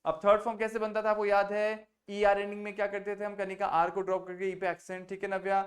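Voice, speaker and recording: A man leads a language class, his voice sitting a touch higher than most men's. He spells out verb endings slowly and patiently, and keeps asking whether everyone has understood. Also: monotone. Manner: patient, checks understanding often; mixes Hindi and English, spells out French verb forms. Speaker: French teacher. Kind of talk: online class teaching.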